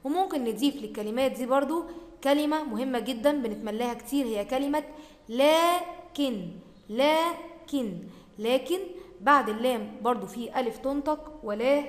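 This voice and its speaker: A woman with an Egyptian accent teaches a primary class, her voice pitched high. She drags out example words slowly and then drops into quick explanations. The room is roomy and reverberant. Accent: Egyptian Arabic. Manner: slow, stretched repetition of words for pupils, then quick asides. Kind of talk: recorded Arabic grammar lesson. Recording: echoey room with long reverb.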